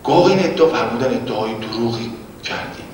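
A man preaching and retelling a religious story, swinging from loud exclamations to hushed whispers. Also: animated. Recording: echoey hall, distant mic, faint rumble.

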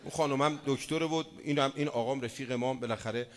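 A man with a Tehrani accent preaching a sermon, swinging from hushed asides to loud chanted verses. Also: medium pitch, long reverb tail. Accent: Tehrani Persian. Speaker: cleric preacher. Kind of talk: sermon with storytelling.

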